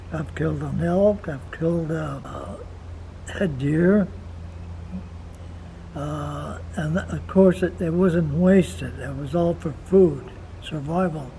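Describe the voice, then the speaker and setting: Very old American grandfather, nineties, reminiscing haltingly at a very slow pace, with clear background noise. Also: on the high side, mellow, poor audio. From Montana, United States. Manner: halting, slow, repeats words while searching for them. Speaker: grandfather being interviewed. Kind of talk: reminiscing, casual conversation. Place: outdoors in the sun.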